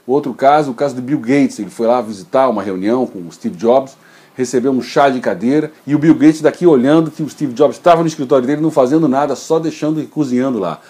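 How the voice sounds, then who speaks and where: Man, 40s, tech news host, home office webcam, informal chatty delivery, warm mellow tone. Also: medium pitch, quick pace. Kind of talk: daily tech news vlog. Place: home office with computer desk.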